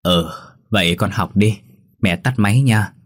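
Man reading a calm, motherly middle-aged mom, husky and low. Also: measured pace, no room sound, clean studio sound. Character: middle-aged mother, gentle and warm-hearted.

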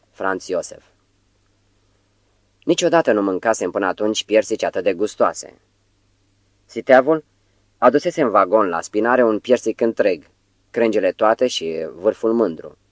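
A man reading a literary novel aloud in a measured, even narration. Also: on the low side, no echo. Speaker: audiobook reader.

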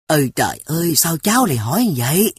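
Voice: mid-range voice, big pitch swings, quick pace, husky, no room sound, studio quality, voice pushed up. A storyteller voicing a devout grandmother who scolds and reassures her grandchildren. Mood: scolding. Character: kindly grandmother, devout and stern. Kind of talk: audiobook character voice.

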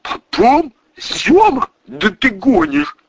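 Man doing a burly ex-bandit, gravelly and crude, pushy slang talk. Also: very high-pitched, wildly swooping pitch, takes it slowly, voice pushed up, exaggerated voice. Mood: rough. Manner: rough slangy shouting.

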